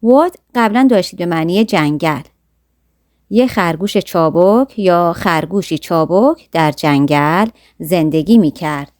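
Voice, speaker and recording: A woman teaching a short story, reading each sentence slowly and clearly and then explaining the words quickly and casually. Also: fairly low pitch, animated, a little mellow, no echo, studio quality. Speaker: English teacher.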